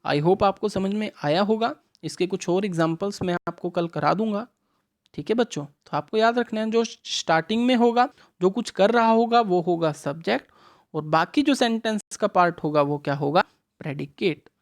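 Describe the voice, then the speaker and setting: A woman teaching a revision English lesson to schoolchildren, asking questions and answering them herself, reading English lines out slowly, mixing Hindi with English words. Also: medium pitch. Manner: reads English sentences out slowly.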